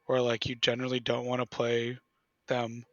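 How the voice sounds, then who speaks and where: A man's voice: medium pitch, monotone, normal speed, no echo. A man on a podcast panel making brief remarks and dry jokes in casual gaming chat. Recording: dull dry lo-fi mic.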